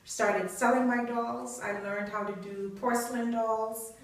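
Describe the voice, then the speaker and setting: A woman's voice: a little high, steady tone, unhurried. A middle-aged woman from Trinidad and Tobago, a business professor speaking as an interview guest, talking thoughtfully with frequent fillers. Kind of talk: conversational interview. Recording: echoey room, distant mic.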